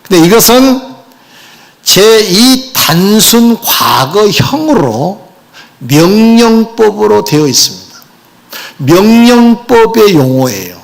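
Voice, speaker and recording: A man preaching a sermon as pastor, animated and addressing the congregation with rhetorical questions. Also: sits high, takes it slowly, creaky.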